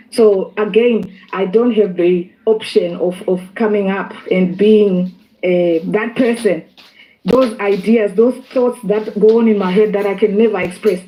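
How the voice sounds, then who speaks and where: A woman's voice: mid-range voice, dark tone, a little hiss or hum, low-quality recording. A woman from Zimbabwe speaking as a guest in a discussion, thoughtful and hesitant, with many fillers and restarts. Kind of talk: casual discussion.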